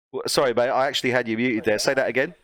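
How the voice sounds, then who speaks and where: A man's voice: medium pitch, fairly bright tone, no echo. A man commentating a race casually, chatty and self-deprecating, often laughing at his own slips. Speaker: lead commentator.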